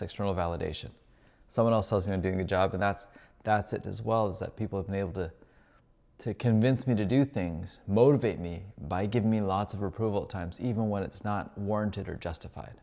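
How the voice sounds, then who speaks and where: Man, low gravelly voice, rambling introspective monologue, long reverb tail, spiritual coach. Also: a little mellow. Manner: introspective, thinking aloud, self-correcting. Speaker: spiritual coach and retreat host.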